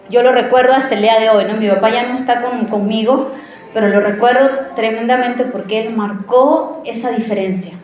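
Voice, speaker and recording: In a very echoey church, a woman preacher delivers a sermon built around a personal story. Her voice sits on the high side, and she keeps things animated and conversational, often putting questions to the listeners.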